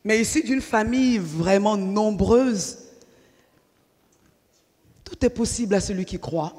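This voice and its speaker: A woman, telling her life story to an audience in a lively way and acting out the voices of the people in it. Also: medium pitch, slow. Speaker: speaker giving a personal testimony. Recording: long hall reverb.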